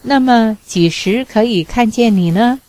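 A woman reading the lines of a smooth-talking bachelor on the phone, coaxing and then firm. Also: on the high side, unhurried, darkish tone, no echo, lightly acted.

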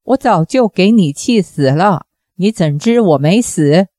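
A woman reading as a short, stout male doctor with a cold, quick temper, who snaps back in curt, clipped retorts. The delivery is slow and unhurried, with a mellow, darker tone. The sound is close and dry. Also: on the low side, lively intonation, no room sound.

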